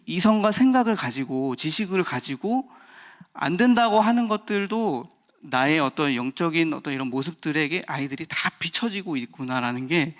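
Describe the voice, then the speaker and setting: Pastor, male, thirties, at a dawn service; candid, personal delivery with frequent pauses and restarts. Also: a little high, a bit bright. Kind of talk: early-morning sermon.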